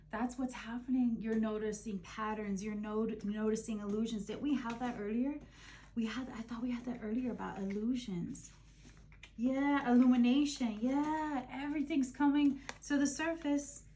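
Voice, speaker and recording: A woman's voice: mid-range voice, darkish tone, slight background noise. A woman giving a casual spiritual tarot reading, emotional and openly swearing, calling her listeners babe and boo. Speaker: tarot reader.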